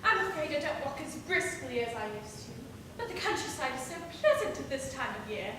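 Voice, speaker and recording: A woman playing a chatty, gentle elderly lady sleuth in an amateur stage play, heard from far off in an echoey hall. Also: high voice, big pitch swings, a little fast, background noise. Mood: sweetly genteel. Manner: polite, fluttery old-lady speech. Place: theatre stage.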